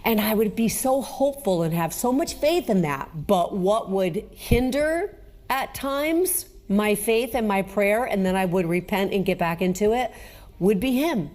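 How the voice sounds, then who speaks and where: A mother giving a slow, earnest and devout personal testimony about praying for her son. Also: medium pitch, animated, a little mellow. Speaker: mother of the interviewee.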